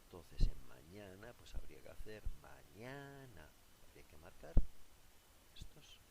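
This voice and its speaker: A man's voice: deep voice, big pitch swings, a little slow, gravelly. A man teaching a recorded lesson, explaining a worksheet patiently and often checking in with his pupils. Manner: patient, often asks "¿de acuerdo?". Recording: loud background noise with clicks.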